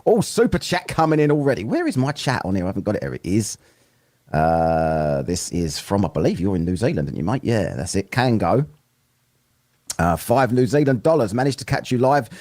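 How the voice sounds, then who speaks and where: A man's voice: lowish voice, very animated, brisk, darkish tone, dry recording, clean studio sound. A man hosting a live stream, chatting casually and greeting viewers one by one. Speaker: livestream host reacting to a debate video.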